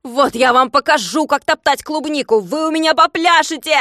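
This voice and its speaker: A woman's voice: medium pitch, steady tone, moderate pace, dry recording, studio quality, lightly acted. A woman voicing a furious bald rich male landowner who screeches orders and insults in a storybook reading. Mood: shrieking furious. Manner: screeching, ranting, bossy insults. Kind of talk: audiobook character voice.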